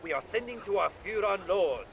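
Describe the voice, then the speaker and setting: A man's voice: high voice, lively intonation, fairly quick. A man voicing a scheming male ninja leader making gloating announcements on a pirate radio broadcast in a video game. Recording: radio broadcast over loud game noise.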